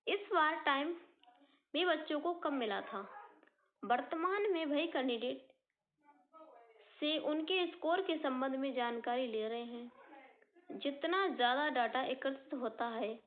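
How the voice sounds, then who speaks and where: A woman's voice: high-pitched, a little slow, long pauses. A woman coaching teacher explaining exam results to students in an earnest, informal way, often repeating and rephrasing her points. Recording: tinny phone-like sound.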